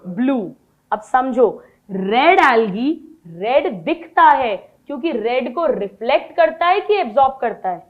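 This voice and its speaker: A woman teaching biology in a classroom-style lecture, asking questions, answering them herself and slowly dictating notes in English. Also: high voice, animated, phone-quality sound.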